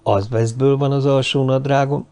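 Male narrator as a dry, wry adventurer, low-key and mellow. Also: fairly even intonation, smooth, close to an everyday voice.

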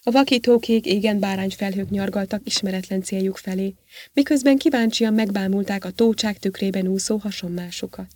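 A woman at medium pitch narrates an audiobook from a script, keeping her reading voice steady and even.

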